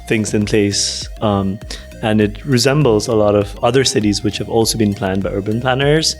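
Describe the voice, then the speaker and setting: A young man from Nepal with a lowish voice answers interview questions in a thoughtful, hedging way. He leans on fillers as he works through his points, and faint music plays under the recording. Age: young adult. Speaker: interview guest, researcher.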